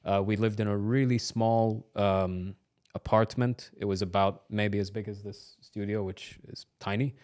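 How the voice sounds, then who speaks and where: In a fairly low, slightly mellow voice with fairly even intonation, a man of about thirty talks unhurriedly about himself as an interview guest. Iraq-born and brought up in New Zealand, he is not an English speaker, and his manner is casual and hesitant.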